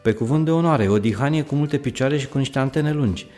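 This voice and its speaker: A panicky, shrill old woman who shrieks for help at the top of her lungs, voiced by a man. Her voice jumps high and loud over faint background music in a storybook reading. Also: close to an everyday voice. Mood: indignant.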